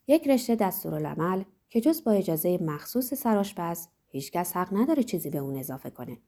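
A measured, ironic older man in authority lectures the young, voiced by a woman reading a novel aloud. The voice sits lower than her narration and stays husky and warm, with lively rises and falls as he explains. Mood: ironic lecturing. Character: stern older male world controller, ironic.

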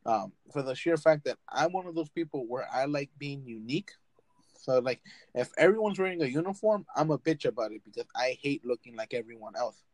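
A man's voice: medium pitch, expressive, fairly quick, darkish tone, dry recording. A young man hosting a casual podcast, rambling and blunt, swearing freely. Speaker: podcast host.

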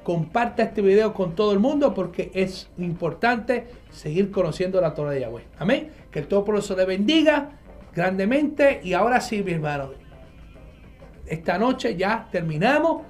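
A man's voice: high voice, very animated, normal speed, faint music behind. A man preaching a nightly online Bible teaching, emphatic, asking questions and answering them himself. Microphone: live stream with viewers connected.

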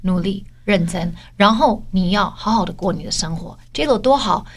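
A woman's voice: mid-range voice, expressive, normal speed, gravelly. A woman raised overseas, speaking Mandarin with an American tinge and mixing in English, chatting animatedly as a podcast co-host. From overseas-raised Chinese. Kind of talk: casual chat.

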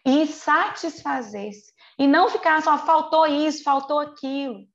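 A high-pitched woman preacher in her forties, with a Brazilian Portuguese accent, delivers a sermon in a conversational style, lengthening key words for emphasis amid quick chatty asides and rhetorical questions aimed at her listeners. The recording is muffled.

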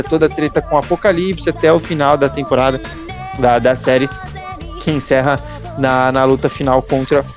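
Higher-voiced Brazilian man hosting a podcast. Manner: conversational, frequent tag questions. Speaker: podcast host. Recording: music playing behind the voice. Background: background music.

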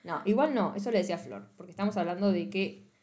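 A woman's voice: lowish voice, expressive, quick pace, darkish tone. Argentine woman cohost, bouncy up and down voice, teasing storyteller. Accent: Rioplatense Spanish. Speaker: podcast co-host. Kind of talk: casual chat.

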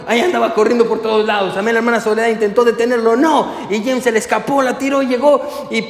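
A high-voiced man preaching a sermon, pressing the congregation with repeated questions. His emphatic delivery echoes through a big hall, with a long reverb trailing each phrase. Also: fairly even intonation, fast talker. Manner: emphatic, repeats questions, addresses listeners as brother. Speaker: pastor.

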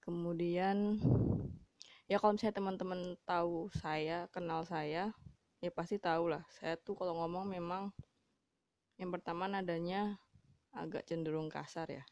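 A young woman from Java talks through a casual solo podcast episode in a blunt, chatty way, dropping fillers and laughing often. Her voice sits a little low, and the sound is dry and close to the mic. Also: fairly even intonation, unhurried, pauses often, darkish tone, no echo. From Java, Indonesia. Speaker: podcast host.

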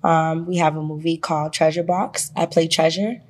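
An actress with a heavy Boston accent chats casually as an interview guest. Her voice is low and moves at normal speed, and she's lively, laughs often, and uses plenty of ums.

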